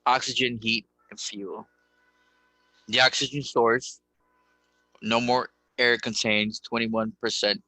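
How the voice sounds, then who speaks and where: A man delivers a casual spiritual lecture in a gravelly, forceful voice. He hammers his points home with repeated rhetorical questions and casual swearing. The sound is dry and close, with no room around it. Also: fairly low pitch, no echo, poor audio.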